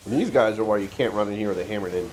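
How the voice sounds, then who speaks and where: Man, congested, stuffy nose, lowish voice, casual game stream chatter, offhand swearing. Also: very fast, darkish tone, slight background noise. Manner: talks to himself, swears offhandedly. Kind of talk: casual gameplay livestream commentary.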